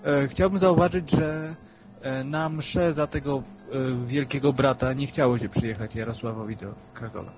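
A male caller with a mid-pitched voice who argues his point with dry, skeptical humour. His voice comes through a low-bitrate radio stream with faint music under it. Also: fairly even intonation, normal speed, darkish tone. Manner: skeptical, argumentative, wry. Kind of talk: casual political talk radio chat.

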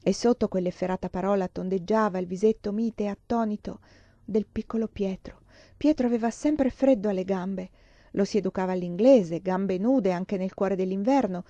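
A woman reading a novel aloud in a measured storytelling manner. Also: medium pitch, mellow, no echo, lo-fi sound. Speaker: reader.

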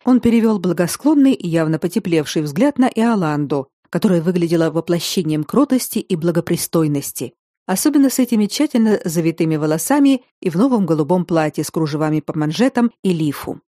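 Low, mellow woman narrating a novel. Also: animated, brisk, no echo, studio quality. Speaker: audiobook narrator. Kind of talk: scripted narration.

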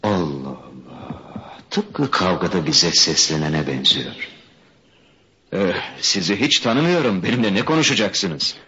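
A man's voice: low-pitched, expressive, unhurried, pushed and bright, full character voice. An actor playing an anxious, remorseful young man haunted by a blood feud, speaking emotionally and sometimes in whispered inner thoughts. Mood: wary suspicious. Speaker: radio drama actor. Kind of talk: 1970s-style Turkish radio theatre acting. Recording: muffled archival radio recording with faint hiss.

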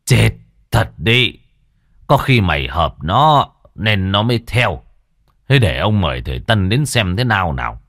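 A man's voice: fairly low pitch, sing-song, a little slow, fairly bright tone, dry recording, studio quality, exaggerated voice. A man doing an anxious old grandfather. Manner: blunt, pressing questions.

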